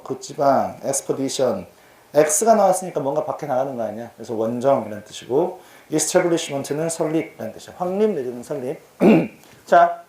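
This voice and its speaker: A man's voice: mid-range voice, warm tone, roomy sound. A man teaching English vocabulary in a casual exam-prep lecture. He talks in a chatty, slangy way and keeps asking his students questions.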